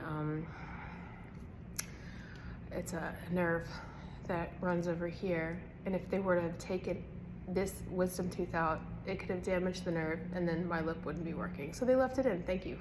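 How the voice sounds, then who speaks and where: A woman with a slightly low voice records a casual personal vlog while recovering from dental surgery the day before. She talks earnestly and with emphasis, wandering from point to point. The recording has clearly audible noise. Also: steady tone, moderate pace. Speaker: health vlogger.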